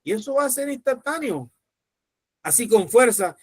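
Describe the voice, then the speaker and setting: A man's voice: extremely high pitch, big pitch swings, normal speed, darkish tone, slightly rough, no echo, studio quality. A man pastor preaching a sermon, emphatic and commanding. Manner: emphatic, commanding preacher who acts out pleading voices.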